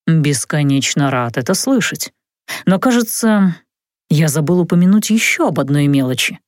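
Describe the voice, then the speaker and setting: A woman's voice: low-pitched, no room sound, studio quality, pitched below the performer's own voice. A woman voicing a smug, teasing young male mage. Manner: calm, teasing, unhurried. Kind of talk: audiobook character voice.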